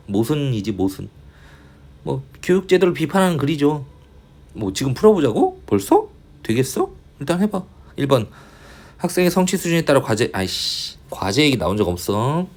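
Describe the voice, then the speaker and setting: Blunt, animated male tutor. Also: medium pitch. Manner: blunt and informal, mutters mild swears, thinks aloud and reads English slowly. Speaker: English tutor. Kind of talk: casual online lecture, solving a test question aloud.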